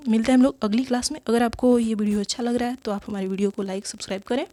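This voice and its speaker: A woman's voice: on the high side, steady tone, rapid-fire, mellow. A woman teaching an exam-prep grammar lesson, explaining step by step, repeating key terms and answering her own questions. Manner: asks the class questions and answers them herself.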